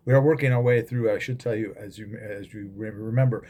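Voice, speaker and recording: A man's voice: on the low side, fairly even intonation, brisk, a little mellow. A man, a pastor, giving a casual devotional talk with frequent ums and restarts, recorded as a phone video.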